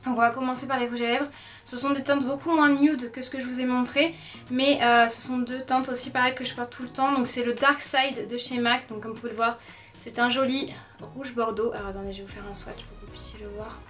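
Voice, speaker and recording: A woman's voice: fairly high pitch, fairly even intonation, fairly quick. Chatty young woman, slightly distant mic. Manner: chatty, frequent "euh" fillers, gentle and enthusiastic. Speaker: beauty vlogger. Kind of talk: casual favorites video. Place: bedroom. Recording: slightly distant mic, soft music underneath.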